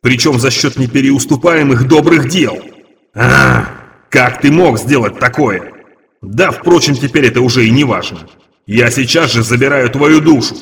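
A man voicing a menacing male demon creditor with an echoing demonic voice effect, loud, slow and commanding. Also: medium pitch. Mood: stern. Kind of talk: audiobook reading.

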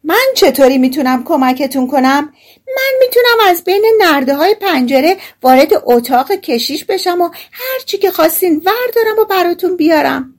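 A woman voicing a tiny, bold boy who shouts in a piercing, cheeky way. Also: very high voice, animated, pitched above the performer's own voice. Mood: loud cheeky.

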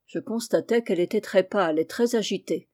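A woman's voice: mid-range voice, a little fast, a little mellow, lightly acted. A woman reading the part of a self-satisfied male police detective, eager and pleased with himself, in an audiobook. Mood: boastful.

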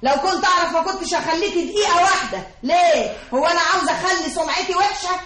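A proud, sharp-tongued boarding-house owner with an Egyptian accent, talking high and fast. She fires back indignant replies. It sounds like an old radio play recorded in a roomy studio. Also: a little hiss or hum. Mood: scolding. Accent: Egyptian Arabic. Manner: indignant, quick retorts. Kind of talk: 1950s Egyptian radio comedy acting.

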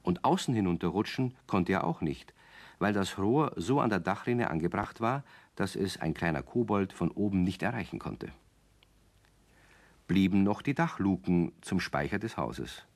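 A low-pitched man narrates a children's radio play, an avuncular, gently wry storyteller speaking straight to his young listeners. He keeps a moderate pace with lively intonation.

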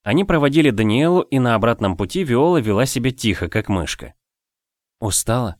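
A man narrating a fantasy audiobook with steady, expressive storytelling. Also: medium pitch, fast, no room sound, studio quality. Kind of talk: scripted narration.

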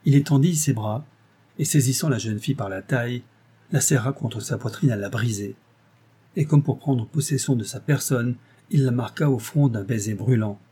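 A man narrating a classic novel as an audiobook, in a measured, expressive reading. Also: mid-range voice, slightly rough.

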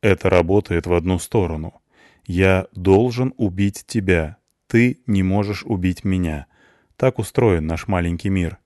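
A man reading an audiobook, voicing a merciless executioner who speaks slowly, calmly and evenly. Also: deep voice, no echo, clean studio sound. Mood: cold calm. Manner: slow, measured, cold. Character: calm slow merciless executioner father.

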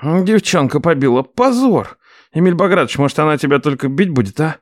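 A man's voice: fairly high pitch, expressive, brisk, dry recording, studio quality, pitched above the performer's own voice, natural voice. A man voicing a cheeky young man who whines, protests and cracks jokes. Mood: whiny. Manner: whiny, protesting, wisecracking.

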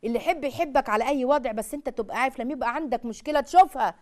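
A woman with an Egyptian accent giving a religious lesson on marriage, lively, acting out little dialogues and firing rhetorical questions at her listeners. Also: high-pitched, rapid-fire. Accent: Egyptian Arabic. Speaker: lecturer on marriage and family.

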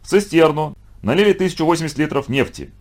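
A man voicing a stern, fussy older male math teacher who scolds and booms, in a storybook reading. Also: expressive, quick pace. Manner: scolding, booming.

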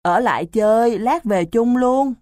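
A woman's voice: lowish voice, animated, slow, darkish tone, clear, resonant tone, no room sound, clean studio sound. A woman voicing an eager, placating schoolboy with a coaxing manner.

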